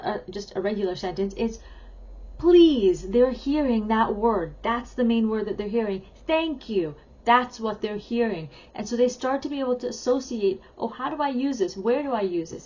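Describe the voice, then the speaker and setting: Chatty woman teacher, mellow and muffled. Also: fairly high pitch. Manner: upbeat, chatty, leans on key words. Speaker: parenting educator. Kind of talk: talking-head teaching video.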